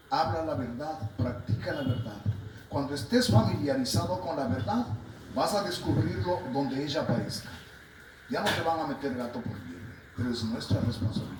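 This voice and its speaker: A man from Peru with a Peruvian Spanish accent, giving a spiritual talk and telling stories about his teachers. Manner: storytelling, quoting his teachers, animated rises in pitch. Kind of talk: sermon. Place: talk in a room in Lima. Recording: roomy, distant mic, noisy background.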